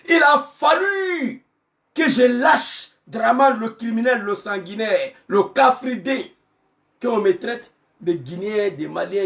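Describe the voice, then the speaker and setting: A middle-aged man with an Ivorian French accent, an activist giving an angry political monologue full of shouted rhetorical questions. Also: high-pitched, creaky, far from the mic. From Côte d'Ivoire.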